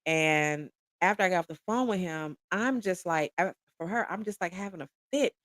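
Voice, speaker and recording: A woman from Detroit, a podcast guest, telling a personal story in an animated, conversational way. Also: fairly low pitch, normal speed, dry recording.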